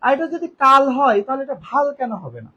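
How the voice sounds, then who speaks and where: A man teaching a spelling lesson for exam preparation, explaining patiently and repeating example sentences slowly. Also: extremely high pitch, sing-song, bright, forceful tone, lo-fi sound. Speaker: grammar teacher.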